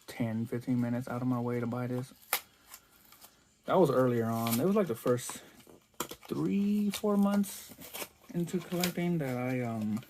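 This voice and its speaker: Chatty guy unboxing toy cars, mid pitch, kinda rambly, lots of restarts. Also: darkish tone, slight background noise. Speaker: toy car collector vlogger. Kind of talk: casual unboxing chat.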